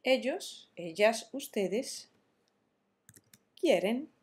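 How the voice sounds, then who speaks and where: A woman teaching verb conjugations in a slow, careful tutorial, spelling out each form deliberately. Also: a little high, animated, darkish tone, slightly rough. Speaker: Spanish teacher.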